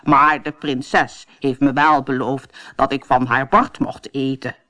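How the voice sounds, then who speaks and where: Gentle talking frog from a storybook, slow and coaxing, done by a woman reader. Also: a bass voice, steady tone, voice pushed down, full character voice. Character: patient, gentle male frog. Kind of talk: storybook reading.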